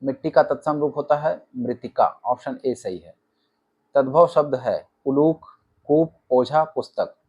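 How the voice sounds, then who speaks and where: A man with a somewhat husky voice and a middle pitch leads an exam-prep lesson. He reads each set of options in a row, then plainly names the right one before moving to the next question. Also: a little slow, highs cut off. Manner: reads options, then states the answer flatly. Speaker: exam coaching teacher. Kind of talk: rapid-fire quiz answer walkthrough.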